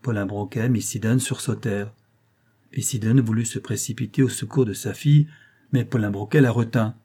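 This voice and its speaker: A man narrating a novel in a measured, dramatic reading. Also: fairly low pitch, fairly even intonation, mellow, husky. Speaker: audiobook narrator. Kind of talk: scripted narration.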